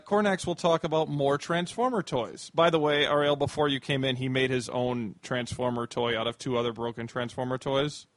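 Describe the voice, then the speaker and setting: A man co-hosting a casual comic talk show, bantering in a halting, exasperated way. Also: a little high, no echo. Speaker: show co-host.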